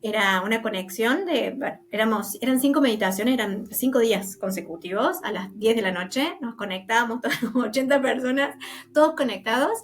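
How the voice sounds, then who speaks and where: A woman with an Argentine accent tells stories in a relaxed interview, with a voice that sits a little high. She talks animatedly, slips into the voices of the people she quotes, and laughs easily along the way. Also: brisk. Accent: Argentine Spanish. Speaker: guest medium. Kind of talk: casual interview storytelling.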